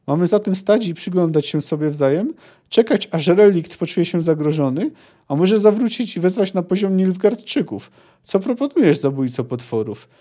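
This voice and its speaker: Zoltan, a man putting on a gruff bossy dwarf. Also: high-pitched, animated, moderate pace. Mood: blustering. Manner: loud, cursing commands. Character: gruff male dwarf leader, bossy and blustering.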